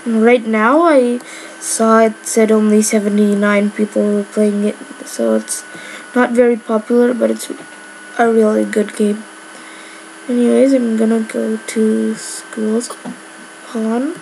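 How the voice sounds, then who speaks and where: A woman's voice: a little high, gravelly, darkish tone, slight background noise, rough recording. A woman giving casual gameplay commentary, rambling with lots of filler words. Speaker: gamer.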